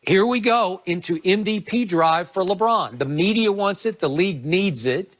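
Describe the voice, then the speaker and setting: A man's voice: sits high, lively intonation, moderate pace, fairly bright tone, a little hiss or hum. A man co-hosting a sports debate show, arguing his points emphatically. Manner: argumentative, emphatic.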